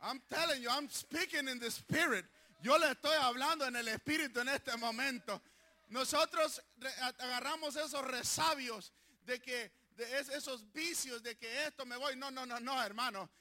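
A middle-aged man pastor preaching a fiery sermon that swells into shouted declarations. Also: extremely high pitch, normal speed.

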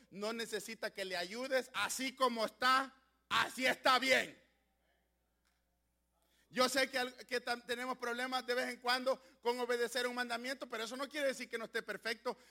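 A man preaching a sermon, who shifts from halting, self-correcting talk to loud shouted exclamations. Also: very high voice, vocal fry. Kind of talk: Pentecostal-style sermon.

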